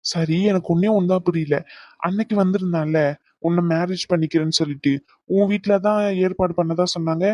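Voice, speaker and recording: A woman's voice: lowish voice, fairly even intonation, fairly quick, a little mellow, no echo, muffled recording, close to an everyday voice. A woman voicing a young man in an audio drama romance, teasing and coaxing his girlfriend. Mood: affectionate teasing.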